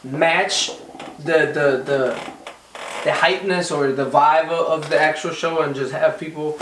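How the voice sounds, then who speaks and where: A man's voice: on the high side, steady tone, measured pace, fairly bright tone, distant mic, slight background noise. Young man talking in an echoey studio. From Dominican Republic. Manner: repeats words and restarts often, says "like" a lot. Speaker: singer interviewed. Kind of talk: casual interview answers. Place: recording studio.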